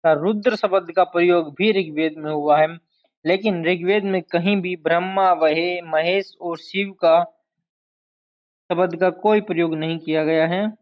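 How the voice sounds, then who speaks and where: Slow, deliberate Hindi history teacher, lo-fi. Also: male voice, high voice, steady tone. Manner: slow, deliberate, repeats key terms to drill them. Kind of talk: exam-prep lecture. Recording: dull lo-fi sound.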